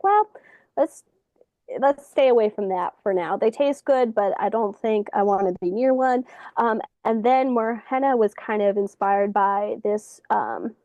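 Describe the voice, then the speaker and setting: A woman author talks casually as a guest, her voice mellow and warm at a middle pitch. She chats loosely and fills pauses with "um" and "like". The sound is dry and close, over a video call. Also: no echo, dull audio. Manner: relaxed, chatty, many fillers like "um" and "like". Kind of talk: casual interview chat.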